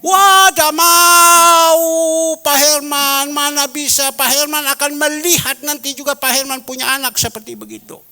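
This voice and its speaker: A male preacher voicing an elderly friend in a wheelchair, pleading in a high, strained voice, in a reverberant church hall. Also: animated, normal speed, pushed and bright, heavily acted. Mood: plaintive.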